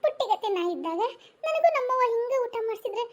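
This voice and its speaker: A woman's voice: very high-pitched, big pitch swings, fast. A woman playing a tender, emotional elder sister who speaks. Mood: wistful.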